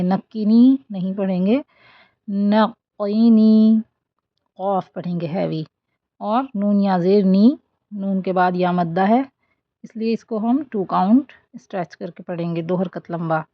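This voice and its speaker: A woman teaching prayer recitation online, who explains pronunciation and then recites the lines slowly and drawn out. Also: medium pitch, no echo, highs cut off. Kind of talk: online tajweed lesson.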